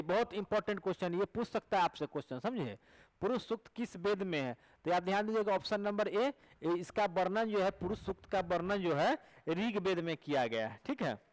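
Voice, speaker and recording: A male teacher with a Bihari Hindi accent leads an exam prep lecture in a high voice. He repeats each question and answer, asking rhetorical questions to check that his students recall them. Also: low-quality recording.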